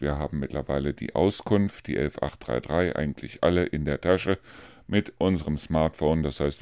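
A man's voice: a bass voice, darkish tone, clean tone, no echo, studio quality. A man hosting his own radio show, chatting casually and rambling through the week's news. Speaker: radio host. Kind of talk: casual monologue.

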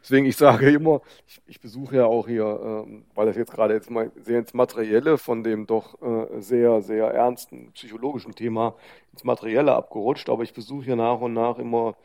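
A man co-hosting a podcast in casual conversation, talking in a measured, reflective way with many small hedges. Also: medium pitch, steady tone, dark tone. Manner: measured, reflective, hedging with fillers. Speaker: podcast co-host.

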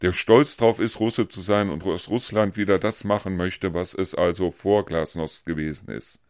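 A man's voice: low-pitched, steady tone, moderate pace, clear, resonant tone, no room sound, studio quality. A man co-hosting a podcast in casual conversation, ranting bluntly and heatedly, hammering his points with repetition. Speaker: podcast co-host.

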